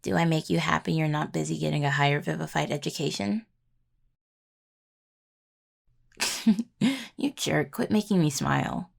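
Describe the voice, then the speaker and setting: Affectionate and teasing, a young adult woman voices a sweet, anxious necromancer healing student in intimate roleplay audio. She has a deep, gravelly, creaky, exaggerated voice, talking a little fast in a hesitant, rambling, casual manner.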